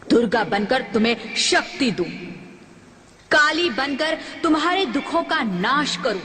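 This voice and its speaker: A woman's voice: sits high, lively intonation, measured pace, a crowd in the background. A woman playing the grieving, accusing spirit of an unborn daughter in a declamatory, reproachful stage-drama delivery. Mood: solemn. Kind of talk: Hindi stage-drama acting.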